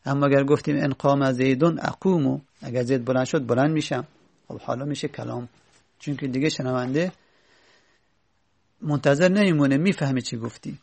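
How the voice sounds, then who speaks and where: Gravelly man teaching Arabic grammar. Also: mid-range voice, pauses often, a little mellow. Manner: reads Arabic lines, then explains them step by step. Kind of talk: explaining an Arabic grammar text.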